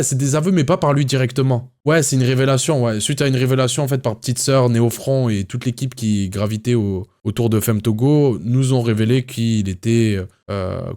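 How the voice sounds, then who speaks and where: A man's voice: fairly low pitch, warm tone. A male streamer in casual chat, slangy and rambling, with many fillers and restarts.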